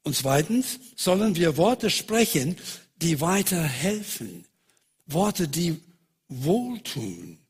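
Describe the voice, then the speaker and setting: Male preacher, slow deliberate delivery, slightly high and very breathy voice, halting with fillers. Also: very animated. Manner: hesitant, many fillers and restarts; raises pitch and volume on emphasized quotes. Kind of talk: sermon.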